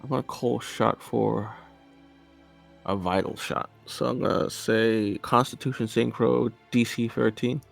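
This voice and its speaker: A man's voice: medium pitch, fairly even intonation, measured pace, vocal fry, soft background music. A man playing in a tabletop game, calling his attacks in a matter-of-fact way. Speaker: player.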